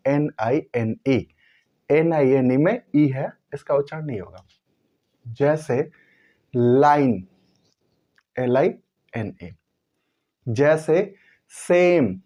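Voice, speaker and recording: Slow, repetitive male teacher. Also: on the high side, darkish tone, dull audio. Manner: slow, repetitive, drawing out example words. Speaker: English pronunciation teacher. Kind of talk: explanatory lesson to viewers.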